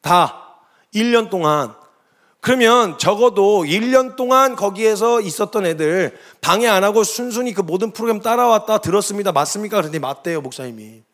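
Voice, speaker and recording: A man preaching as a missionary, telling a story with lively delivery and sudden shouted quotes. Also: sits high, fairly quick. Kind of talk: sermon testimony.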